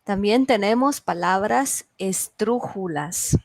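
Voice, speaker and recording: A woman leads a beginners' language class, drilling vocabulary by saying each word slowly and deliberately. Her voice sits at a middle pitch and is recorded close and dry, with no room sound. She pauses between words for her students. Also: vocal fry, dry recording. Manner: slow, carefully enunciated word drills. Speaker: Spanish teacher. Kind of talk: online class teaching.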